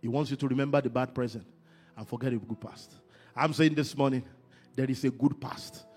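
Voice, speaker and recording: A man preaching a sermon, moving from quiet talk to shouted, sing-song emphasis. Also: medium pitch, fairly even intonation, fairly quick, husky, faint music behind. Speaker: pastor.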